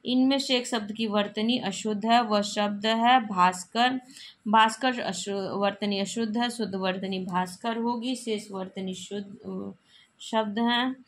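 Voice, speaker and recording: A woman's voice: mid-range voice, steady tone, unhurried, slight background noise. A woman teacher works through exam-prep spelling questions in Hindi. She reads each question and then explains which form is correct. She repeats the correct forms plainly.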